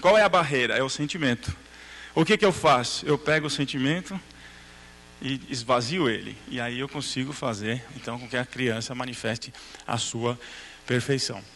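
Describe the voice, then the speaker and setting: A man's voice: mid-range voice, normal speed, a bit bright, in a large hall, a little hiss or hum. A man giving a religious lecture to a live audience, telling stories, acting out the dialogue and checking in with his listeners.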